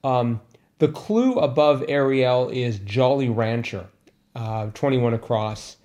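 Brief: mellow-voiced male co-host, hesitant, self-correcting, casual puzzle chat. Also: medium pitch, slow pace. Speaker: podcast co-host.

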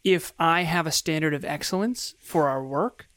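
A man speaks as a podcast co-host in the manner of a life coach. His voice sits a little high and sounds close and dry. He lays out self-improvement principles in emphatic, motivational points. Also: normal speed, a bit bright, dry recording.

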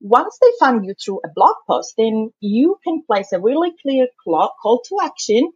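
A woman with a thick Italian accent, talking in a relaxed interview as a guest expert. She is chatty and laughs often, and her voice has a slightly husky edge. The recording is dry and a bit dull. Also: on the high side, normal speed, no echo. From Italy. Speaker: guest, blogging legal expert. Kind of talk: casual interview.

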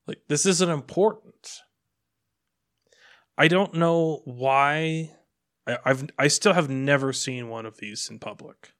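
A man co-hosting a motorcycle podcast in casual chat, animated and acting out little quotes as he talks. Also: on the high side, takes it slowly. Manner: animated, acts out quotes, restarts often. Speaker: podcast co-host.

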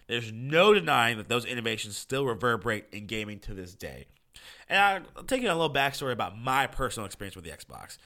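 Sick with a cold, a young American podcast host sounds froggy and congested as he talks fast in a mid-range, sing-song, pushed, bright voice. Alone on his gaming show, he gives casual, opinionated, foul-mouthed takes on video games.

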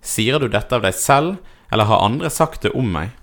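A man voicing a calm, solemn prophet in a dramatic scripture reading, speaking steadily and firmly. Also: mid-range voice, gravelly. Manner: steady, grave and firm.

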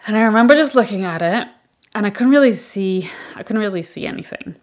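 An Irish woman hosts a podcast, speaking at medium pitch with lively intonation and a brisk pace. She tells a personal story candidly and chattily, full of fillers.

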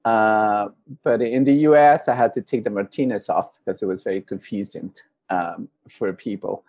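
A man's voice: lowish voice, moderate pace, darkish tone, no room sound, muffled recording. Man, hesitant. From Honduras. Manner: hesitant, many fillers and throat clearing. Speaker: panel guest. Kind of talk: casual interview storytelling.

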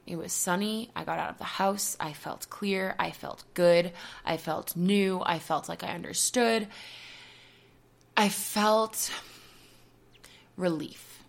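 A woman's voice: on the low side, slow, vocal fry, pauses often. A woman podcast host speaking openly and reflectively in a personal monologue, full of casual "like" fillers. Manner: open, reflective, many "like" fillers.

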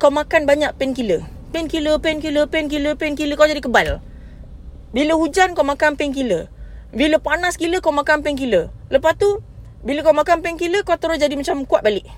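A Malaysian woman in her thirties hosting a podcast, speaking in a heated monologue that mixes Malay and English and calls the listener babe. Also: sits high. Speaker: podcast host.

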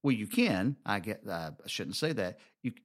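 A man's voice: fairly low pitch, very animated, normal speed. A middle-aged man with an Alabama accent, co-hosting a casual talk and often rephrasing as he goes. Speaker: co-host of a marriage show.

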